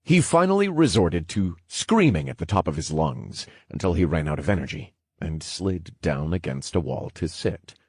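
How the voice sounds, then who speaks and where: Male audiobook narrator, very deep and husky, slow and measured, dry booth sound. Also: sing-song, dry recording. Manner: measured, wry storytelling.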